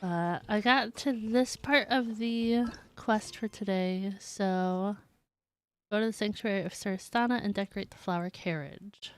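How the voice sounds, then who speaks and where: A woman with a mid-range voice streams a video game, chatting casually and reading the game's text aloud. Her commentary is unhurried.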